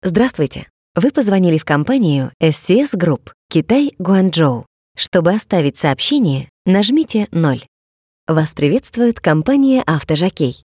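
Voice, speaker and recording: A woman's voice: fairly low pitch, sing-song, unhurried, a little mellow, slightly rough, no room sound, clean studio sound. A woman reading scripted announcements in a polished, formal phone menu voice, like a customer-service greeting. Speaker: voice-over announcer for phone menus and adverts.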